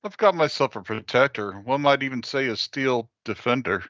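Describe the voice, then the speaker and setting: A man's voice: mid-range voice, normal speed, fairly bright tone, no echo. A man playing a tabletop game, easygoing and joking. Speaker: player. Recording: dry, dull lo-fi audio.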